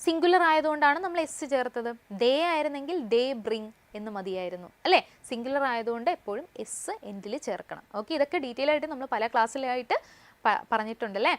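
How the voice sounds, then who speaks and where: Malayali woman teacher, slow English words. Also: high-pitched. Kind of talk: live online class explanation.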